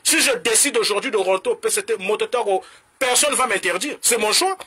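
A man from the Republic of the Congo with a Congolese French accent, delivering a heated political rant to camera in a combative, mocking way and switching languages in rapid bursts. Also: high voice, bright, forceful tone, husky. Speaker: political commentator.

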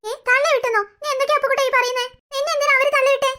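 Woman doing a cartoon older sister, protective, outspoken, fast talking, very high bright voice. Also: flat delivery. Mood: alarmed. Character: caring, bold older sister girl.

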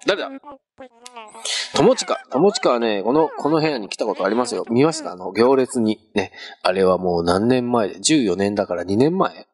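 A man's voice: on the low side, sing-song, moderate pace, hardly any pauses, a little mellow. A man hosting a casual video, chatting and teasing while he plays a phone app. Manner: chatty, teasing, tacks "ne" onto phrases. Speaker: vlog host.

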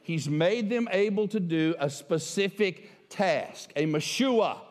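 An older man preaching with a high, lively voice that swoops up and down as he makes his points. He moves across a large church stage with a headset mic, and his voice trails off into a long hall reverb. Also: slow pace. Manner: animated, emphatic preaching with wide gestures. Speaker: pastor. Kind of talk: sermon.

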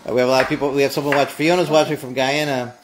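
A man's voice: mid-range voice, level tone, rapid-fire, noisy background. Casual man reading out viewer names. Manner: casual, reads names off a list. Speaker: co-host reading viewer comments. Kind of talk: live-stream chat. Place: home kitchen.

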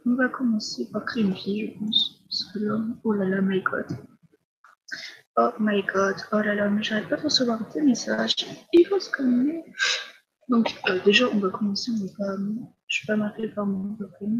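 A teenage girl chatting through a live mobile game stream, full of fillers and drifting into soft whispered asides. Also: mid-range voice, normal speed, dull audio. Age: teens. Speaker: livestreamer. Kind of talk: casual live gameplay commentary.

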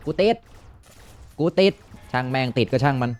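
A young man giving casual gameplay commentary, excitable and swearing often, with frequent exclamations. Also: medium pitch, normal speed, clear, resonant tone. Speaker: gaming YouTuber.

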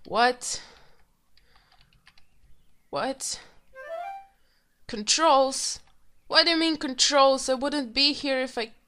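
A woman hosting a let's play, hoarse from being sick and reacting to the game with excited exclamations and giggles. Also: fairly high pitch, slight background noise. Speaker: gaming video host. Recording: faint music behind.

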